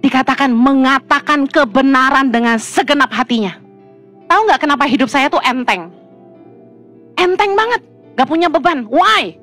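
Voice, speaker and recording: Woman pastor, middle-aged, high voice, chatty and humorous pulpit storyteller. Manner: lively, colloquial, humorous storytelling. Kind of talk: sermon.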